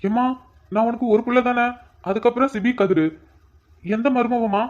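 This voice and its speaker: A woman's voice: fairly high pitch, steady tone, moderate pace, close to an everyday voice. A woman voicing a young man, an injured, exasperated son, in a cartoon. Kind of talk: cartoon voice acting. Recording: tinny phone-like sound.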